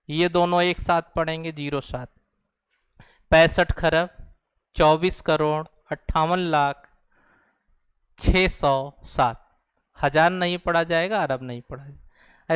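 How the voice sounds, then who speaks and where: A man teaches a math class in a patient, repetitive way. His voice is a touch high and very clean. The recording is dry, with no room sound. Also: a bit bright, clean tone, no room sound. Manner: patient, repeats each step, calls out "bhai". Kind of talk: explaining place values on a board.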